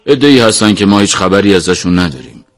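A man voicing a stern older male cleric who questions in a measured, firm way. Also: deep voice, big pitch swings.

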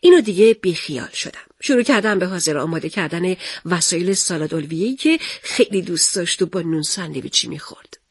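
A woman narrating a first-person story as a mother, expressive and confiding with her listeners. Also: on the low side, husky.

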